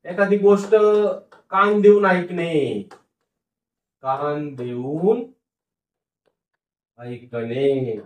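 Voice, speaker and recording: A man teaching a phonics lesson, sounding out words syllable by syllable, repeating them and answering his own questions. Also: sits high. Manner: asks the class questions and answers them himself. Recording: roomy echo, mic far off.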